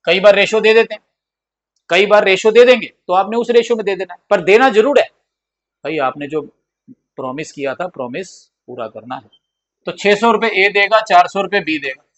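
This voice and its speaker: A man's voice: high-pitched, expressive, moderate pace. A man teaching accounts in a classroom lecture style, repeating key points and mixing in terms. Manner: repetitive, drills points, acts out pleading partners.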